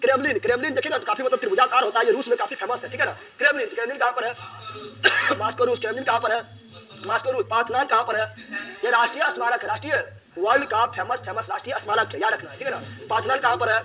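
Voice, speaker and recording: A man's voice: extremely high pitch, fast, sharp tone. A man teaching an exam-prep lesson, asking questions and answering them himself, repeating each answer as a drill.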